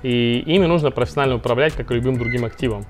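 Quick-talking guy explaining finances, lots of um and restarts, light music in the back. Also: mid-range voice. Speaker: finance company founder, guest. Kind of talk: casual interview, explaining.

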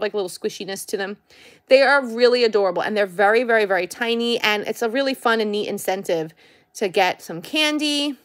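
A woman with a fairly high-pitched voice hosts a casual unboxing vlog. She is chatty and girlish, gushing over the little things she shows. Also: fairly bright tone. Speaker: toy and candy unboxing host. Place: indoors at home, by a tabletop.

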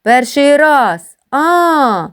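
A woman's voice: on the high side, very animated, a little slow, voice pushed up. A woman voicing a gang of mischievous schoolboys who tease and boss a newcomer in a storybook reading. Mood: mocking. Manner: taunting, bossy shouts. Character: mischievous schoolboys, teasing and mocking.

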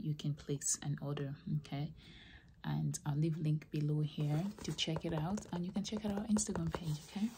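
A woman softly talking and whispering in a breathy voice as an ASMR host. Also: noisy background. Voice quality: breathy whisper mixed with soft low voice. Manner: soft, repetitive trigger words.

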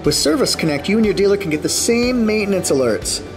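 A man's voice: high voice, lively intonation, quick pace. A middle-aged man presents a car walkaround outdoors at a race track, sounding upbeat and salesy. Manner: enthusiastic, salesy. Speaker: car reviewer. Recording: music bed under voice.

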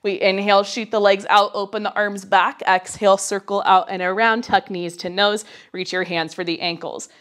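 A pilates instructor in her twenties talks through a mat workout she's doing alongside the viewer in her small home studio. Her mid-range, slightly bright voice comes out flat and at a moderate pace, with hardly any pauses, and it's nasal and congested from a cold. She's slightly short of breath but chatty and supportive as she counts down.

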